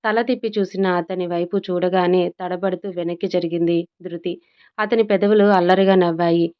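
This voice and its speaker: Woman, story narrator, calm audiobook reading, smooth resonant voice, muffled lo-fi sound. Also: lowish voice, fairly quick.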